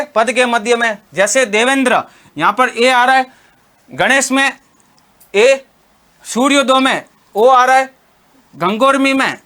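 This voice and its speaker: A man's voice: extremely high pitch, pushed and bright. A young male teacher giving an exam-prep lesson on Sanskrit grammar. He keeps asking the students questions and then answers them himself. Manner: calls the listeners students and friends.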